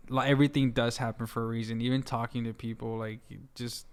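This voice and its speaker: A young man about twenty, from Juarez, Mexico, talks as a guest musician in a relaxed interview. His voice is smooth and clear, sitting at an ordinary middle pitch. He rambles, restarts often and laughs easily. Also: quick pace. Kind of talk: casual interview chat.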